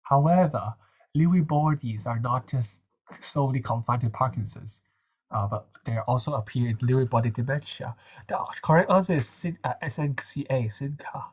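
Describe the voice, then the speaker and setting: A man's voice: mid-range voice, normal speed, slightly rough. Young man tutoring with a nasal voice. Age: young adult. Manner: chatty, hesitant, many fillers. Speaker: medical student tutor. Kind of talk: casual revision session walkthrough.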